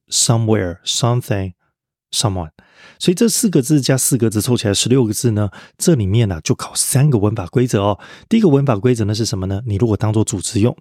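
A man's voice: medium pitch, darkish tone, no room sound, studio quality. A man teaching English vocabulary in a podcast lesson, explaining word roots step by step and spelling words out letter by letter.

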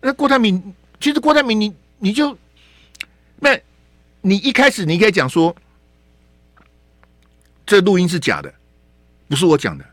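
男性电台主持人, 台湾国语口音, 音调偏高, 起伏很大, 激动反问. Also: male voice, high voice, big pitch swings, moderate pace, pauses often, fairly bright tone, dry recording. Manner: heated, rhetorical questions, repeats words. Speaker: radio talk show host. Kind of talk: opinionated political commentary. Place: radio studio.

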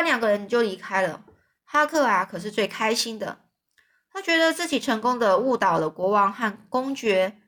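Lively woman storyteller, slightly high voice. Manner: lively, with frequent fillers and restarts. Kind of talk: children's story narration.

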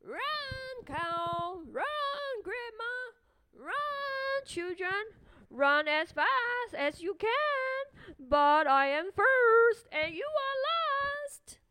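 A woman voicing a small, boastful gingerbread man who taunts in high squeaky shouts. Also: big pitch swings, very slow, no room sound, heavily acted. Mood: taunting.

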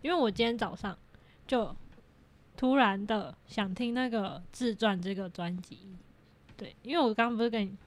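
A young woman chats casually as a podcast guest. She sounds giggly and teasing, and her voice sits on the higher side. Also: moderate pace. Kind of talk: casual chat.

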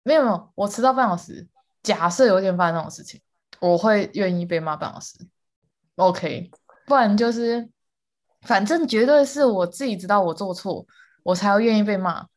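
A woman co-hosting a casual chat podcast, animated and quick to repeat words for emphasis, laughing often. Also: medium pitch. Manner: calls herself quick to anger. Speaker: podcast co-host.

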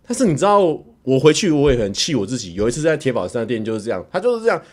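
A man with a Taiwanese Mandarin accent telling a story casually on a livestream, animated and stammering through repeated words as he acts it out. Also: mid-range voice, racing. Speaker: livestreamer and YouTuber.

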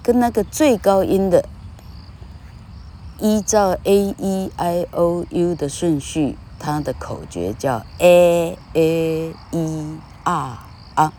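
A woman's voice: fairly low pitch, takes it slowly, dark tone, slight background noise. A woman hosting a podcast English lesson, talking in a chatty, rambling way and tagging phrases with a little "ha". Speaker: English teacher podcast host. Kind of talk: casual spoken lesson.

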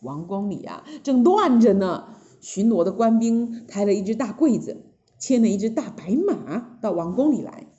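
Woman storyteller, lively pitch, mellow tone, exclamatory, muffled lo-fi recording. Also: moderate pace. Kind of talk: children's story narration.

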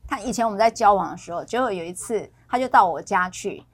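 A woman's voice: mid-range voice, expressive, quick pace. A woman co-hosting a talk show, chatting playfully and laughing easily as she shares stories. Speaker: co-host. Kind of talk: casual talk-show chat.

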